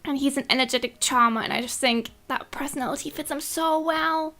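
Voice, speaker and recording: Young woman gaming vlogger, high voice, giggly and excitable, casual commentary. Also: fairly quick. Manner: bubbly and excitable, giggles often. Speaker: gaming YouTuber.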